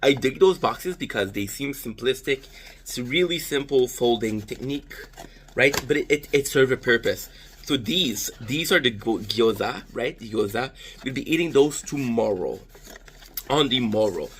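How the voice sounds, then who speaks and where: A medium-pitched, fairly bright voice with an animated delivery at normal speed belongs to a French Canadian vlogger in his thirties from Canada. Amid a little hiss or hum, he chats and rambles through tasting food, with profanity and jokes about himself.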